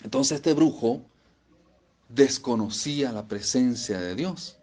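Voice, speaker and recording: A man's voice: mid-range voice, slow pace, mellow, breathy edge. A man preaching a sermon, emphatic and repeating phrases for stress.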